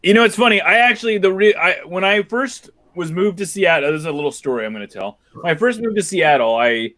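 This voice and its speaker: A man's voice: high-pitched, lively intonation, fast, pushed and bright. Chatty man hosting while eating. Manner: chatty, talks with his mouth full. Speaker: podcast host. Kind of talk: casual chat.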